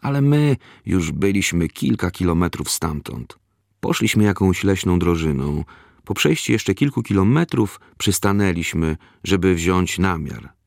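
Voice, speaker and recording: A man reading a first-person memoir aloud in a measured, unhurried storytelling manner. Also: low-pitched, expressive, gravelly, no echo, studio quality. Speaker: narrator. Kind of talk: scripted memoir narration.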